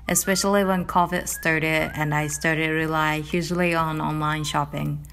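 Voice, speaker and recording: Soft-spoken Japanese woman narrating a vlog. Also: low voice, a little hiss or hum. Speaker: knitting vlogger. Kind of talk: voice-over narration.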